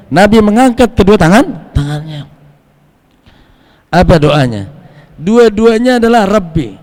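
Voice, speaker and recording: Guy preaching, swings his voice all over, echo from the mosque hall. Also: on the high side. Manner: animated, rising and falling delivery with Arabic recitation. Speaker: religious teacher. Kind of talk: mosque study-circle sermon. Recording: long mosque hall reverb.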